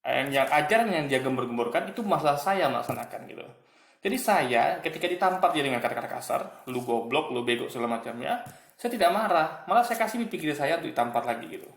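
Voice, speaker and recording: A man's voice: on the high side, expressive, fast, gravelly, echoey room. A man giving a casual commentary monologue, arguing and mocking as he addresses his viewers. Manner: argumentative, mocking, repeats "guys" and "gitu kan". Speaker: online commentator.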